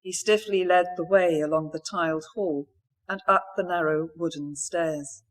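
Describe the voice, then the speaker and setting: A woman's voice: fairly low pitch, steady tone, normal speed. Woman author reading her novel aloud.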